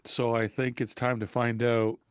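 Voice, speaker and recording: A man's voice: medium pitch, flat delivery, moderate pace, clear, resonant tone, dry recording, studio quality. A man hosting a podcast, giving an upbeat, friendly outro. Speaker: podcast host.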